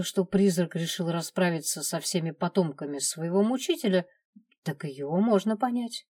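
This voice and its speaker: A woman narrates a first-person audiobook in a calm, steady way. Her voice is low and mellow. It is recorded close and dry, with no room sound. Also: dry recording.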